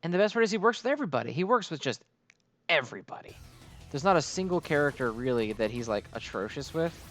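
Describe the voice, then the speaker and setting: With game music running in the background, this man's fairly high, bright voice comes out quick and very animated. He's a gaming video host whose casual play-by-play wanders off track in an easily distracted, rambling way.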